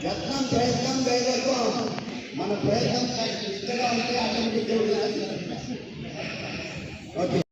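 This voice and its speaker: A man leading a public yoga session, coaxing the group with cheerful calls to clap, shout and laugh. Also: extremely high pitch, steady tone, measured pace, pauses often. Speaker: yoga instructor. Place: outdoor public yoga event. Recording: roomy echo from far off, noisy.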